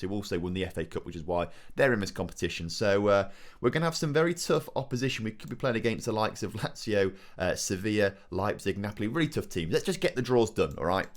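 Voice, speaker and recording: Young man, gaming host, excitable, chatty, lowish voice. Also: quick pace. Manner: excitable, chatty, repeats phrases. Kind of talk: casual gaming commentary.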